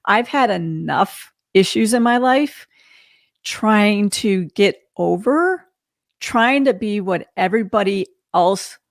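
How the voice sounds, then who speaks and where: A woman hosting a podcast speaks casually and reflectively, candid and emphatic, in a relaxed interview setting. Her medium-pitched voice is creaky, and the studio-quality recording has no echo.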